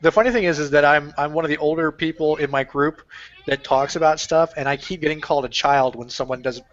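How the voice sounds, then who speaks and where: A man in his thirties telling crude, animated stories in a casual podcast chat. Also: on the high side, quick pace. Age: 30s. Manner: animated, crude joking storyteller. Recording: dull lo-fi podcast audio.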